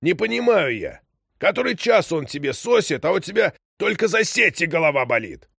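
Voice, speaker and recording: A man doing a gruff old ship's engineer. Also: a little high, sing-song, normal speed, a bit bright, dry recording, studio quality, pitched above the performer's own voice, exaggerated voice. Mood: reproachful. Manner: scolding, insistent, raised voice.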